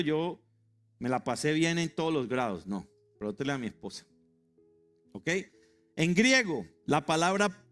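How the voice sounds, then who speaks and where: A man's voice: on the high side, a bit bright. A middle-aged man preaching a sermon to his congregation, emphatic and joking, spelling out words for them. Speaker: pastor. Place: church sanctuary.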